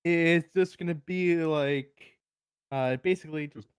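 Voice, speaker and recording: A player describing what a character does, in an unhurried, drawn-out way. The sound is dry and close. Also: medium pitch, clear, resonant tone, no echo. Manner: narrates own character in third person, drawn-out.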